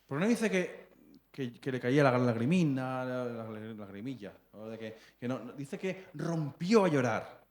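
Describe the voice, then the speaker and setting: Speaking with a Spanish accent, a thirtysomething man preaches animatedly at normal speed, his mid-range voice slightly dark. He keeps checking in with the congregation and often stumbles or repeats words while finding his phrasing, all in an echoey church hall.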